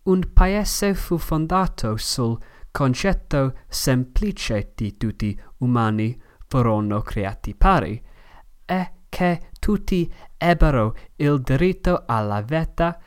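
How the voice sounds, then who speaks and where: Slow Englishman narrating in accented, learner's Italian. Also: mid-range voice, smooth. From Manchester, England. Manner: halting, learner's phrasing and pronunciation. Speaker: podcast host and historian. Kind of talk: scripted podcast narration.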